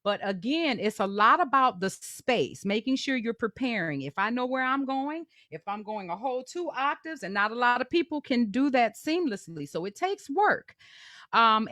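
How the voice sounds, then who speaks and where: A woman's voice: on the high side, a bit bright, no echo, clean studio sound. A woman teaching a live online singing masterclass, explaining exercises in an encouraging, chatty way and singing demonstrations. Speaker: vocal coach.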